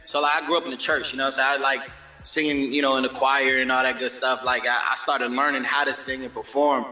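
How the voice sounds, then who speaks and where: An American man, born in Germany and having moved around the United States, chats casually as an interview guest, upbeat and slangy, often tossing in "you know what I'm saying." His medium-pitched voice is level, quick, pushed, and bright, recorded with an echoey, roomy sound, long reverb, and music behind.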